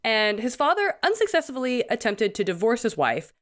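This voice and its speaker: Woman co-host, sick-sounding voice, animated and chatty. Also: on the high side, normal speed. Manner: chatty, self-mocking, laughs often. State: sick, voice still recovering. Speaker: podcast co-host. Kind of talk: casual podcast chat.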